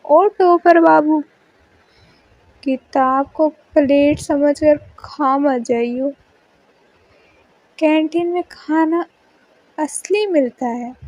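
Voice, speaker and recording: Riya, a sassy Haryanvi college girl voiced by a woman, teasing in slow, stretched-out lines with a high, mellow tone. It is a storybook reading, and the speech stays unhurried and playful. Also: dry recording, lo-fi sound.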